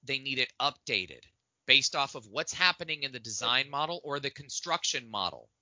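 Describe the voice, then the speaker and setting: A man co-hosting a podcast, talking in an excitable, loose and casual way about design workflows. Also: mid-range voice, normal speed, dry recording, muffled recording. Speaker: podcast co-host. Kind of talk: casual tech chat. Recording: dry close-mic sound.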